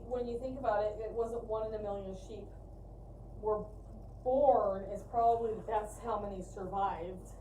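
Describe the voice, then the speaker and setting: A woman with a fairly high, mellow voice chats casually, explaining things to viewers as co-host of a fiber arts livestream. The mic sits at a distance, leaving a roomy echo and faint noise.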